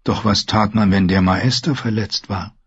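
A man reading fantasy narration for an audiobook in a measured storytelling manner. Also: on the low side, husky, no room sound, muffled recording.

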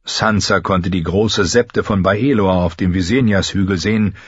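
Male audiobook narrator, low husky voice, measured read; dry, dull-sounding recording. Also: no room sound. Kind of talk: scripted narration.

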